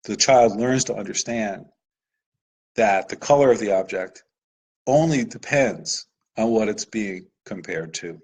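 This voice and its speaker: A man's voice: on the low side, unhurried, darkish tone, slightly rough, rough recording. A man presenting a live webinar lesson over slides, explaining patiently with occasional "uh"s.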